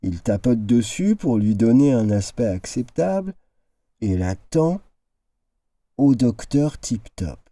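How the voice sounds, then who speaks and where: Slow, dark-voiced male storyteller. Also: very animated, no echo. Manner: shifts into character voices, high exclamations. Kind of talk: expressive reading of an original tale.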